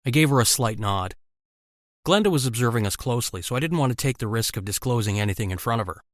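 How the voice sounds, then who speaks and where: A man narrating an animated story in the first person, in a wry, conversational way. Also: mid-range voice, quick pace, no echo, studio quality.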